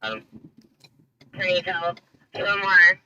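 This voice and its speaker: Male police dispatcher over a cutting-out scanner radio, high voice, terse codes, muffled and hissy. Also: expressive, extremely slow, bright, forceful tone, smooth. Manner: terse, reads codes and addresses. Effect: police scanner radio breaking up. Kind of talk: clipped radio dispatch calls.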